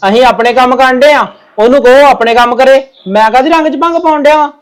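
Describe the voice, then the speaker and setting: Guy playing a touchy younger son, really high voice, talks quick and sulky. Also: clean tone. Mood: irritated. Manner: argumentative, sulky. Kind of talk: Punjabi family drama acting.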